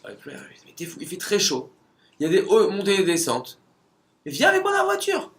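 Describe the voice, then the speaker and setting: A man putting on the voice of a pushy, friendly big man calling out from a Cadillac, loud and insistent, in a storytelling lesson. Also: high voice, wildly swooping pitch, brisk, voice pushed up, exaggerated voice.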